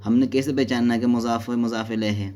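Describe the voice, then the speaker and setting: Walking through an Arabic grammar lesson, a man asks his own questions and then answers them, explaining each step. His warm, medium-pitched voice stays fairly even as he blends Hindi-Urdu with English and Arabic terms, slowly reading out English textbook notes.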